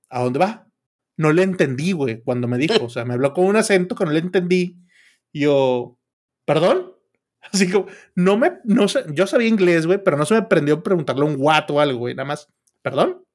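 Speaking fairly quickly and with plenty of animation, this podcast co-host has a fairly high-pitched voice and a Mexican Spanish accent. He tells his story casually, peppering it with curses, slang and fillers.

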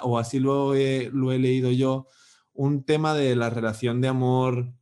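A man's voice: mid-range voice, a little mellow. A man hosting an interview, speaking with frequent fillers and repeated words. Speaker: host.

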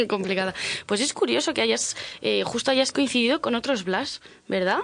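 A woman co-hosting a radio travel show in casual chat, quick to laugh along. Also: on the high side, creaky, a bit bright. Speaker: radio co-host.

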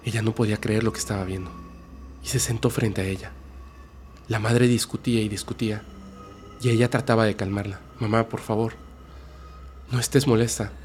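A man narrating a horror story in a slow, hushed, dramatic way as the show's storyteller. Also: on the low side, steady tone, faint music behind. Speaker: storyteller host.

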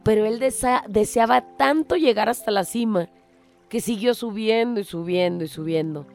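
A woman's voice: mid-range voice, darkish tone. A woman hosting a show and telling a moral reflection story in an earnest, dramatic way. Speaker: radio host.

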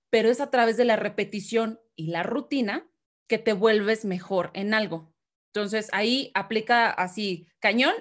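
A woman with a Mexican Spanish accent, talking casually as a guest and explaining with questions to her listener. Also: on the high side. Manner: chatty, explains with questions and restarts. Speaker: guest speaker. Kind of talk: explanatory conversational talk.

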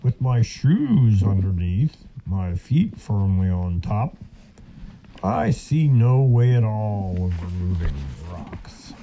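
Grumpy plodding ox, complains slowly, warm low tone, done by a man reading aloud. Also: very animated, muffled recording, slight background noise, exaggerated voice.

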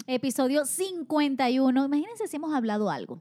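A woman's voice: high voice, lively intonation, fast talker, dark tone. A woman hosting a podcast in a chatty, bubbly way, laughing with her co-hosts. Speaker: podcast host. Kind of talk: casual chat.

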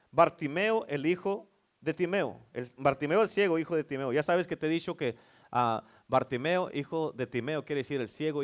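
Man, pastor preaching, high voice, rising to fervent shouts. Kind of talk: sermon.

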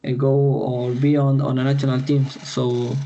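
A Chilean man with a Spanish accent, a footballer answering podcast interview questions in English, halting and repeating words as he searches for them. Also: mid-range voice, monotone, dark tone, dull audio, a little hiss or hum. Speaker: footballer guest.

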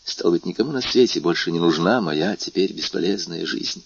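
A man reading a novel aloud and voicing a young man who calmly and solemnly says farewell to the woman he loves. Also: a little fast, gravelly, noisy background. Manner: calm, solemn, low-voiced. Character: young man, grave and resigned lover. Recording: dull lo-fi recording.

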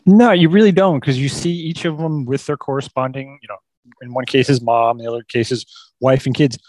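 A man's voice: medium pitch, fairly quick, a little mellow, no room sound. Easygoing man in a dry recording. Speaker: podcast co-host. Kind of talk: casual movie review chat.

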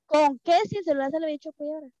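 A woman's voice: steady tone, very fast, dark tone, no room sound. A woman from Mexico with a Mexican Spanish accent, recounting a personal story in an interview, emotional and often repeating phrases for emphasis. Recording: dull, dry low-fidelity recording.

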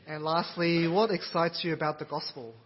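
Man, church interviewer, brief light questions, laughs, somewhat high pitch, echoey hall. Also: steady tone, moderate pace, highs cut off. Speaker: church interviewer introducing the preacher.

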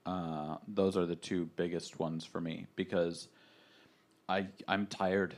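Man, low voice, hesitant, reflective podcast talk. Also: level tone, slow. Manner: hesitant, many fillers and restarts, reflective. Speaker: podcast co-host. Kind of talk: casual faith podcast chat.

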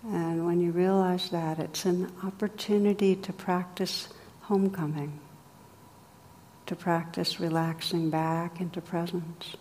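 A woman guides a meditation in a low, even, unhurried voice. She speaks softly and gently, leaving long pauses between phrases. A long reverb trails her words over a faint ambient hum. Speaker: meditation teacher.

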